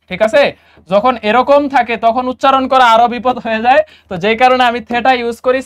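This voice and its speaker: A male math tutor with a Bangladeshi Bengali accent gives a casual lesson for exam preparation, going over each step repeatedly and testing his students with quiz questions. His chatty voice is very high, a bit bright, and smooth.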